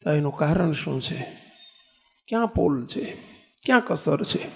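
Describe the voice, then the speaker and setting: A man's voice: a little high, expressive, measured pace, creaky. A man from Gujarat giving a sermon as a swami, asking rhetorical questions and telling stories with quoted dialogue. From Gujarat, India. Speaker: swami preaching a discourse. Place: temple assembly hall.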